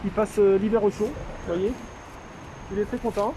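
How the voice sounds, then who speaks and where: A man with a notably high voice speaks through a face mask, slightly muffled. He talks informally and haltingly, as in a street video update, with clear traffic and urban noise around him. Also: fairly even intonation, dark tone. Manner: halting, drawn-out hesitations. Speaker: street medic caring for a homeless man. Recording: noisy outdoor street with traffic.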